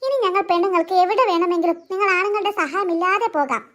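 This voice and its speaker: A woman voicing a sharp-tongued cartoon wife. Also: extremely high pitch, fast talker. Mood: bickering. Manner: bickering, sarcastic.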